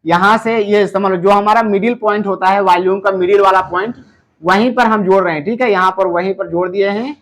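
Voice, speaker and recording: A man walks through a circuit repair lesson in a fairly high voice. He talks in a patient, step-by-step tutorial manner, filling pauses with short check-ins to the viewer. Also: steady tone, a bit bright. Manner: explains slowly, filling gaps with "theek hai" and "doston". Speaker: electronics repair teacher.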